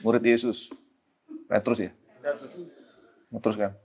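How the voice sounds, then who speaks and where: A man preaching a sermon, switching between casual slang and English and rising to loud emphatic peaks. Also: lowish voice, flat delivery, slow, slightly rough.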